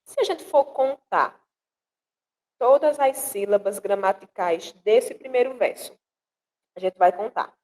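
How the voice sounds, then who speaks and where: A woman from northeastern Brazil, a poet, teaching verse meter in a slow, deliberate way and sounding out syllables one at a time. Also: mid-range voice, a little mellow, low-quality recording. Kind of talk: explanatory lesson with recited verses.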